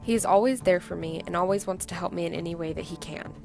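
A woman's voice: lowish voice, fast talker, creaky, a little mellow, soft background music. A young woman reading a scripted, fond narration about her grandfather.

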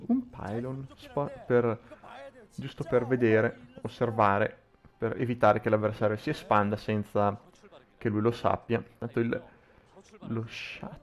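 A man giving live commentary on a video game match, often repeating and reworking his phrases as he goes. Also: medium pitch. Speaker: esports commentator.

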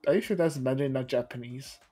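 Woman streamer, husky, giggly, chatty, apologetic; faint music bed. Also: extremely low pitch, fast talker, warm tone. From China. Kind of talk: casual chat while gaming.

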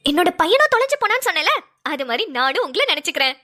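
A woman doing a sweet cartoon mom, gentle and motherly, really high and bright voice. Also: big pitch swings, rapid-fire, exaggerated voice. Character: kind, tender-hearted middle-aged mother. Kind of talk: homemade cartoon voice acting.

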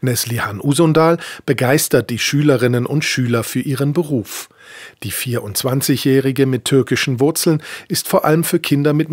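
A man reading scripted narration for a short documentary in a measured way. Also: mid-range voice, husky, dry recording, clean studio sound.

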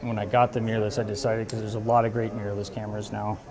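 A fairly low-voiced man in his thirties talks casually while he works in his barbershop, relaxed and rambling with plenty of fillers. He drifts nearer and farther from the camera mic as he moves around. There is a clear crowd murmur behind him. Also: fast talker. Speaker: barber and shop owner. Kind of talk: casual talk while working. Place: barbershop with brick walls, indoors.

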